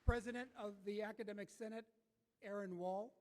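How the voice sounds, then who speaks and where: A man's voice: sits high, steady tone, fairly quick, a little mellow, a faint crowd, slight background noise. A man making formal ceremony announcements in a podium speech as the host of a commencement, over a PA in a large hall. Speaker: college president hosting commencement. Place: large commencement venue, on stage.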